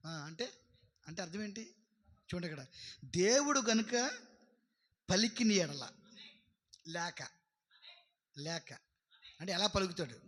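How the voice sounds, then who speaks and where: A man with a Telugu accent preaching a church sermon as pastor. He asks the congregation questions and builds to loud, emphatic peaks. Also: high voice, expressive, slow pace, pauses often. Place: church service.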